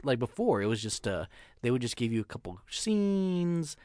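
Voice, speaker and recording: A man co-hosting a casual movie podcast, rambling and animated, often acting out quoted lines. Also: medium pitch, moderate pace, no echo, studio quality. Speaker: podcast co-host.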